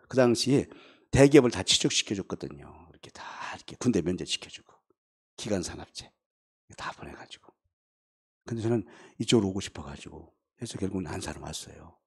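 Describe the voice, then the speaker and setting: Pastor, male. Gravelly, husky voice. Lively, animated sermon storytelling. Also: fairly low pitch. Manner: animated storytelling, acting out friends' lines, swings from hushed to loud. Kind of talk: revival sermon with personal story. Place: church.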